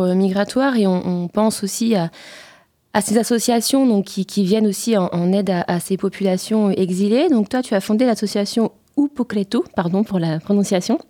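A woman's voice: mid-range voice, warm tone. A woman hosting a radio interview, asking questions with many fillers and repetitions. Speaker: radio host.

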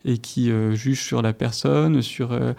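A man's voice: mid-range voice, fairly even intonation, measured pace, vocal fry, dark tone. A man speaking as a researcher guest on a radio show, hesitant and full of fillers and restarts. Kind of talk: radio interview answers. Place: radio studio.

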